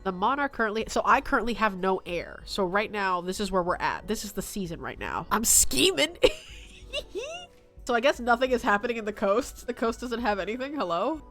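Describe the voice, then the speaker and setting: A young woman streaming a strategy game, reading its text aloud and joking in a giggly, excitable way, swearing freely. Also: mid-range voice, a little fast, soft background music. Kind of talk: game livestream with read-aloud narration.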